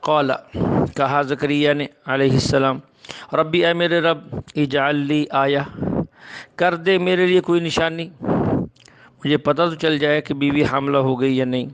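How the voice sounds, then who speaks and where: Man slowly translating scripture phrase by phrase. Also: fairly high pitch, steady tone, clear, resonant tone. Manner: slow chanted recitation, then plain explanation. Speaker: Quran teacher. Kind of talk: word-by-word scripture translation lesson.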